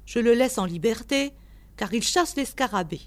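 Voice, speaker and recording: A woman voicing a gruff old male animal keeper who scolds and shouts. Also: fairly high pitch, animated, normal speed, natural voice. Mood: chatty, welcoming.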